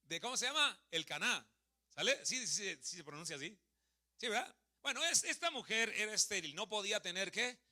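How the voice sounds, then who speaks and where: His voice pitched high and his delivery brisk, a Mexican man in his thirties gives a sermon in a church hall. He has a Mexican Spanish accent and keeps things lively by asking the congregation questions and joking around with them.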